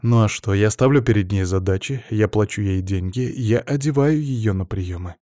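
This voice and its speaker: A man's voice: on the low side, moderate pace, mellow, no echo, clean studio sound, natural voice. A man voicing a young aristocratic heir who speaks coolly, with control and firm demands. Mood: cold. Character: young male aristocrat heir, cold and self-assured.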